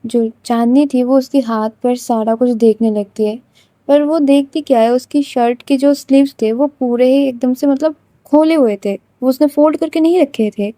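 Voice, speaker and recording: A woman's voice: sits high, moderate pace, warm tone, no room sound. A woman narrating an emotional love story in a conversational, dramatic way.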